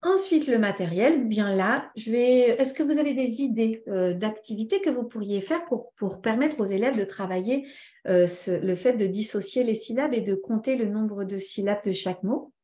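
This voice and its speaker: A woman trainer giving a live online lesson, lively and answering viewers' comments by name. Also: fairly high pitch, normal speed, echoey room. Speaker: teacher trainer.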